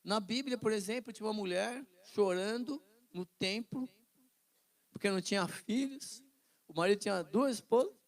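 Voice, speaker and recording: Animated Brazilian man teaching Bible class. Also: sits high, moderate pace. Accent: Brazilian Portuguese. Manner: animated storytelling, acts out quoted voices, asks listeners "né?". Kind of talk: informal Bible class lesson.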